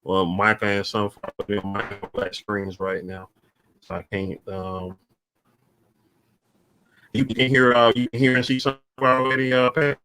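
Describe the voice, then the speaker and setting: A man hosting a casual livestream call, talking haltingly with many fillers and restarts while he sorts out the connection. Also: lowish voice, flat delivery, pushed and bright, smooth, rough recording. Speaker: livestream host.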